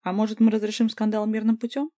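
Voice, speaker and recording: A woman voicing a calm young man trying to settle a fight. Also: mid-range voice, fast talker, dry recording, clean studio sound, lightly acted. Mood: placating. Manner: placating.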